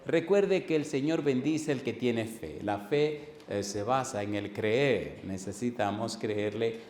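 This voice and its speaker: A man's voice: medium pitch, slow pace, darkish tone. Man preaching, repeating questions. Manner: repeats phrases and asks the congregation questions. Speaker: pastor. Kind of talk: sermon. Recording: roomy hall with faint ambience.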